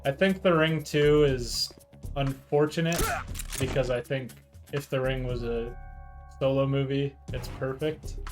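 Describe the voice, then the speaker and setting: A young man co-hosting a let's play chats casually while gaming, rambling and laughing often. His voice is mid-range and steady, and he keeps a measured pace. Game music plays behind him.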